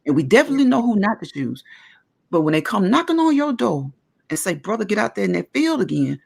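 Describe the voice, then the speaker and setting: A woman's voice: medium pitch, vocal fry, darkish tone, slightly rough. A woman in her forties talking at length in a casual discussion, earnest and emphatic as she explains her views. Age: 40s.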